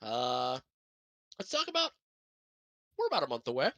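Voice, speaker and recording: Upbeat bright-voiced young man chatting racing. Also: mid-range voice, wildly swooping pitch, normal speed, no echo. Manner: rambling, upbeat, self-deprecating. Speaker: sim racing broadcast co-host. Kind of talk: casual podcast chat.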